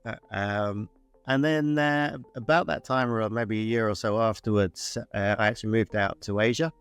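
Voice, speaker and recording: A man in his forties, born in New Zealand and raised in the UK, answering interview questions in a loose, self-deprecating way, full of fillers and restarts. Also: fairly low pitch. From born in New Zealand, grew up in the UK. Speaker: guest entrepreneur.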